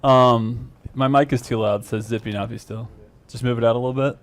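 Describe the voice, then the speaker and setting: A young man co-hosting a game community livestream on a stage mic in a studio, riffing quickly and reading viewer chat aloud. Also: medium pitch, steady tone. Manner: chatty, quick riffs, reads chat aloud. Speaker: community stream co-host.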